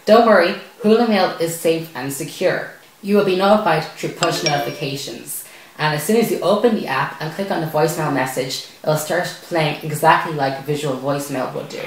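Seated at a desk in a small, bare indoor room, a young adult tech host from Ireland reads a scripted tutorial to camera. He speaks at a moderate pace with a fairly high pitch, and there's a little hiss or hum. The room sounds very echoey.

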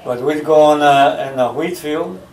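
In a roomy home video shot from a distance, an elderly man from the United States recounts his life in a family oral history interview. He speaks in slow, halting fashion from a recliner in his living room, his voice fairly high in pitch yet darkish in tone, picked up by a camera mic across the room.

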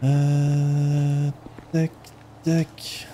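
A man's voice: medium pitch, completely flat delivery, slow pace, warm tone, a little hiss or hum, close to an everyday voice. A man playing a polite Ukrainian immigrant taxi driver who speaks broken French with a put-on accent. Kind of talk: role-play in a game.

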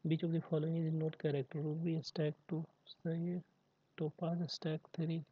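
A man works through mock test puzzles as a tutor, reading each question slowly before rattling off the steps in Hindi. His voice is husky and flat in pitch. The sound is dry and narrow, like a phone line. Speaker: exam prep tutor. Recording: dry tinny phone-like audio.

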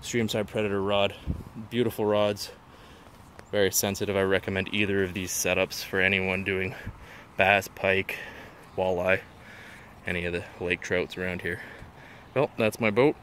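A man's voice: deep voice, flat delivery, normal speed, fairly bright tone, a little hiss or hum. A man giving a casual, enthusiastic walkthrough of his fishing canoe, filmed outdoors on a handheld phone. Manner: enthusiastic, plain-spoken. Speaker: angler showing his canoe. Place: outdoors on a lawn. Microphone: handheld phone camera.

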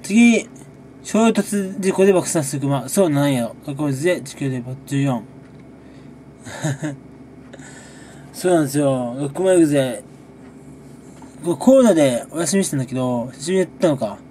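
A man who makes gaming videos, chatting casually through a monthly recap, relaxed and rambling with frequent chuckles between sips of a drink. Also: a little high, moderate pace, long pauses, slight background noise. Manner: talks while sipping a drink.

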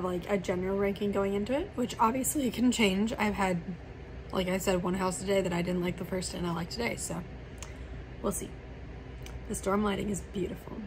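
A woman's voice: fairly low pitch, creaky. A young American woman chatting casually in a bubbly sorority-girl way, sprinkling in "like", as in a college vlog. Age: young adult, about 18 to 20. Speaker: college student vlogger. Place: dorm bathrooms and dorm rooms. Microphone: phone at arm's length. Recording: noisy phone audio with background hum.

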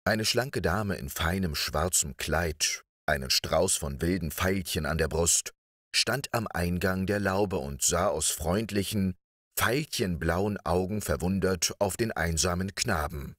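A man calmly narrating a bedtime audiobook story in a measured way. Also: low voice, no echo, studio quality. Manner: measured, calm.

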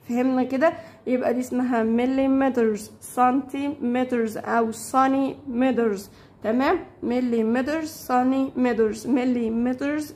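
High-voiced Egyptian woman teaching. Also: darkish tone. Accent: Egyptian Arabic. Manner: repeats words slowly, checks understanding often. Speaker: primary school English teacher. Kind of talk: classroom lesson explaining vocabulary.

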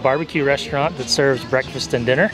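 A man's voice: medium pitch, quick pace, music in the background. A man in his forties chatting casually to a camera held at arm's length outdoors. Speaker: travel vlogger. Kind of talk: casual vlog chat to camera. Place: outdoors in a campground.

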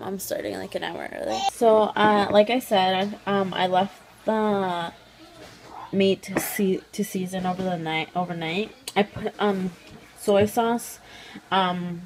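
Chatty young woman vlogging on her phone. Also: medium pitch. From Canada. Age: young adult. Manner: chatty, rambling with many fillers. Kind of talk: casual vlog chat. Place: outdoors in parking lots and streets, later a home kitchen. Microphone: phone held at arm's length. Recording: phone audio with clear street noise.

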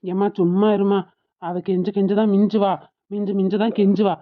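A woman's voice: mid-range voice, flat delivery, normal speed, voice pushed down, close to an everyday voice. Woman doing a curt grown son, tinny. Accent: Tirunelveli Tamil. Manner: curt, dismissive. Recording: tinny phone-like sound.

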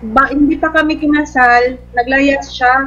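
Woman with filipino accent, complainant, very high voice, dull lo-fi call audio. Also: steady tone, normal speed, fairly bright tone. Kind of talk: telling her complaint on a call.

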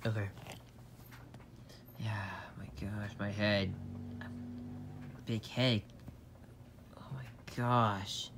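Over a noisy background, a man with a lowish, steady voice performs plush-toy characters in an amateur drama. His delivery is slow and plain, like everyday conversation.

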